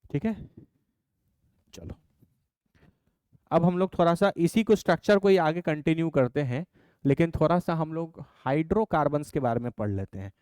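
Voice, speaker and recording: A man teaching a chemistry class, dictating definitions slowly and calling his students "babu". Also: a little high, lively intonation, a little mellow, clear, resonant tone, no echo.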